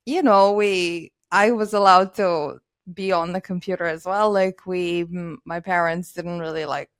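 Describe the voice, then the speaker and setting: A woman's voice: on the low side, steady tone, measured pace, no room sound, studio quality. A woman in her thirties from Romania, chatting as an interview guest with many fillers and frequent laughs. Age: 30s. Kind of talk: casual interview.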